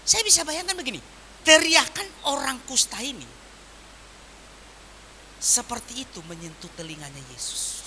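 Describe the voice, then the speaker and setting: A man preaching a sermon as pastor, swinging from loud emphatic lines to quiet soft ones. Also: very high voice, normal speed, pauses often, noisy background. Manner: animated preaching with wide swings in volume.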